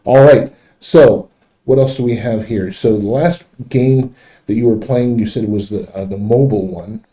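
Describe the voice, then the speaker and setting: A man hosting a casual, unscripted livestream, speaking in a halting, repetitive way, recorded in dull, muffled audio. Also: mid-range voice, dark tone. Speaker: livestream host.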